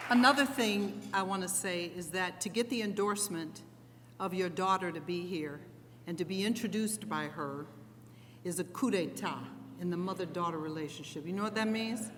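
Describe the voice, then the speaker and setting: A middle-aged woman gives a keynote in a big hall, energetic and playful as she gets the audience to join in. Her voice carries a long reverb through the room, with a faint murmur of the crowd behind her. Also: lowish voice, normal speed, noisy background. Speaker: keynote speaker. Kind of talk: lively public speech with audience call-and-response.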